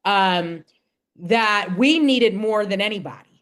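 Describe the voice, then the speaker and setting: A woman's voice: mid-range voice, lively intonation, unhurried, a bit bright. A woman hosting a wellness podcast in casual conversation with a guest. She speaks in an affirming, reflective way and often turns to spiritual wording. Her tone stays conversational throughout. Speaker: podcast host.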